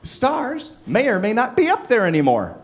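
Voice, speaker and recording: A man's voice: very high-pitched, huge pitch swings, normal speed. A man doing a stand-up comedy set on a club stage, brash and teasing the crowd. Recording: live club, crowd laughter. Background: audience laughing.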